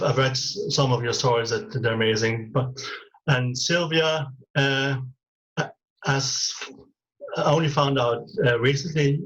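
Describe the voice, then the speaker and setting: Man, interview host, halting questions, mid-pitched voice, muffled low-fi sound. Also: vocal fry. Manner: hesitant, searching for words. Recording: dull lo-fi audio.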